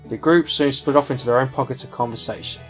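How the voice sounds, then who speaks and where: A man's voice: mid-range voice, quick pace, soft background music. A man playing through a visual novel, reading its text and dialogue aloud in a plain voice and breaking off for joking asides.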